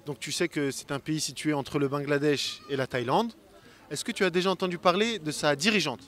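A man's voice: a little high, fairly quick, a bit bright, faint music behind. Earnest young man interviewing on the street. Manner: earnest, explanatory. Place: outdoors on a city square. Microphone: handheld mic.

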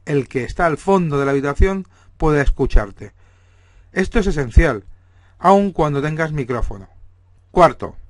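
A man with a Spanish accent reads a list of numbered tips, taking each point in measured, steady steps. His voice sits at a middle pitch, and it is recorded dry and close with no room sound. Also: no echo. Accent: Spain. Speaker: presenter of a real estate firm. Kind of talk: reading tips aloud.

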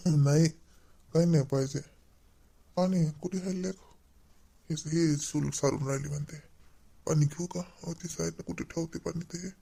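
A man's voice: a little high, steady tone, vocal fry, mellow, slightly rough. A man playing a frail, coughing old grandfather. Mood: weak. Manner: weak, halting and plaintive, with coughing. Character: frail bedridden old grandfather, meek and pained. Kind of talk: rural comedy sketch.

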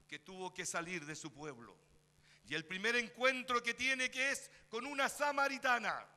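A man with a Chilean accent preaches a fervent sermon in a church sanctuary. His voice sits high and cuts sharply, rising to shouts as he calls out to the congregation. Long church reverb trails his words. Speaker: pastor. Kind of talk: Spanish-language sermon.

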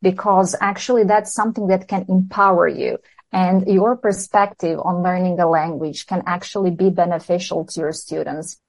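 A woman's voice: on the low side, low-quality recording. A woman from Serbia who speaks English as a second language, an English teacher explaining her views earnestly in a podcast interview.

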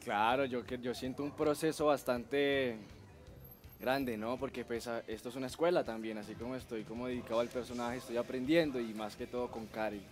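A man's voice: medium pitch, fairly even intonation, a little fast. A young man, an actor chatting playfully as a guest on a TV show. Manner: laughing, playful storytelling. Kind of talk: casual TV interview chat. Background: music.

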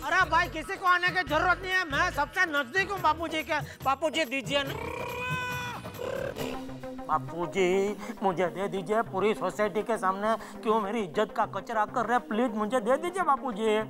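A man's voice: very high voice, expressive, normal speed, music in the background. An actor playing a harried, flustered middle-aged shopkeeper who pleads and protests with his family and neighbours. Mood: exasperated.

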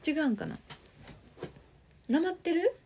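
A woman's voice: sits high, very animated, unhurried, gravelly, dark tone, slight background noise. A woman in her twenties with an Osaka accent, hosting a livestream and chatting friendly with viewers while reading their comments. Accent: Osaka dialect. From Osaka, Japan. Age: 20s. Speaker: livestream host.

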